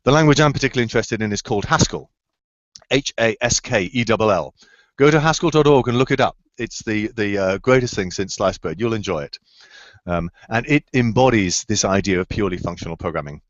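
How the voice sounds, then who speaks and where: A researcher with a fairly low voice speaks expressively and briskly, taking students' questions with enthusiasm in a remote session. Fillers and restarts mark his search for words, and the video-call audio is dry, echo-free and a touch dull.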